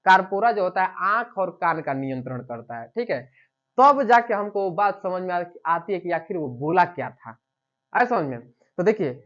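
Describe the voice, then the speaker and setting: A man's voice: sits high, fairly bright tone, highs cut off. A man teaching a coaching class in with a tinge. He poses questions to his students, answers them himself, and keeps checking with "okay". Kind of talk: classroom lecture.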